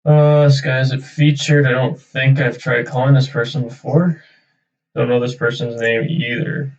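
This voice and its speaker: Thinking aloud and rambling off the cuff, a young Canadian man hosts a livestream of his realtor cold calls, often ending sentences with "right?". His voice is mid-range, steady, normal in speed and a little mellow, heard through a distant, somewhat dull mic.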